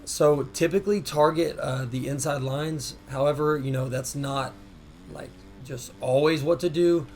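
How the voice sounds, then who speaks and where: A hoarse man hosting a gaming channel, talking casually over gameplay as he explains racing tips. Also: on the high side, a little slow, a little mellow. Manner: laid-back, peppers talk with "man". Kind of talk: casual game tutorial voice-over.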